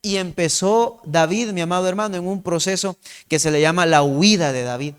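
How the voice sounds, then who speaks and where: A man's voice: sits high, normal speed, clean tone. A male pastor preaching a sermon, retelling the story and repeatedly calling the listener his beloved brother.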